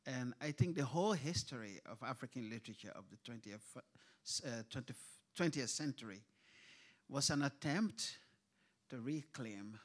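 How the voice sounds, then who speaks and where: A writer who was raised in Kuwait talks during a literature panel discussion held on an event hall stage. He has a medium-pitched, animated voice at normal speed, yet stumbles with frequent fillers and restarts.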